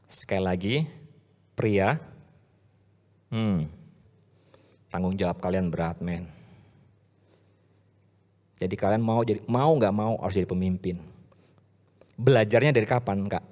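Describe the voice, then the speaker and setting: A man with an Indonesian accent preaching a casual youth sermon, swinging from loud hype to low, earnest talk. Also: a little slow, long pauses. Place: church hall. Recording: reverberant church hall.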